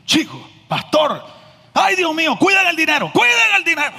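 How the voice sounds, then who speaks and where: A pastor putting on the voice of an excitable older Cuban man with a Cuban Spanish accent, mocking and alarmed, told in a sermon story. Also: extremely high pitch, normal speed, creaky, big-room sound, noisy background, voice pushed up, heavily acted.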